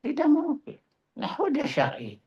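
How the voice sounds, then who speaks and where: A man's voice: very high-pitched, huge pitch swings, a little slow, darkish tone, dull audio. A middle-aged man preaching in a religious study class, firing rhetorical questions at his listeners in a mocking, combative manner.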